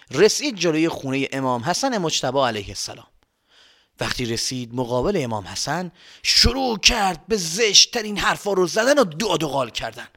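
A man narrating a story for children with lively emphasis. His voice sits slightly high and rises sharply when he stresses a point. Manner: animated, emphatic.

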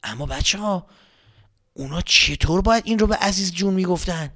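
A man narrating a children's story, animated, with exclamations and dramatic whispers. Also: high voice.

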